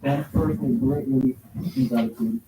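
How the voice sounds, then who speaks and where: A man reading stage directions aloud in a classroom, halting and stumbling over words. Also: medium pitch, steady tone, warm tone, a little hiss or hum. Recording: echoey classroom from a distance.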